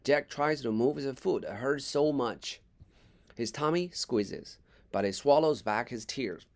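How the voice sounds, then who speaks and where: A man reading a children's story aloud as an English teacher, expressive with small slips and asides. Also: medium pitch, measured pace.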